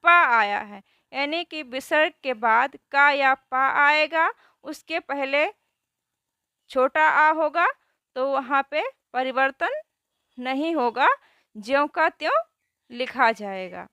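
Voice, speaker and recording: A woman teaching a grammar lesson who asks questions and answers them herself, spelling out words slowly. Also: sits high, pushed and bright, no echo, clean studio sound.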